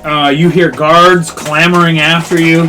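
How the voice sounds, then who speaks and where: A man running a tabletop game as game master, narrating in a loose, halting way with many fillers. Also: on the high side, level tone, over music.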